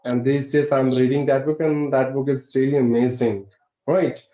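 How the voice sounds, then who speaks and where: In an echoey, dull lo-fi recording, an English-teaching channel host from Uttarakhand, India, speaks at a normal speed in a mid-range voice with a dark tone and flat delivery. He's polite and explanatory on a conversation practice call, frequently checking with "right?".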